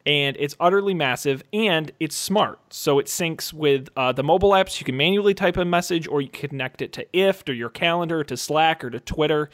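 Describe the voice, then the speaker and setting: A man with a slightly high-pitched voice co-hosts a casual podcast. He speaks informally and with enthusiasm, like someone pitching a favorite gadget to his friends. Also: a little fast, hardly any pauses. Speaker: podcast co-host.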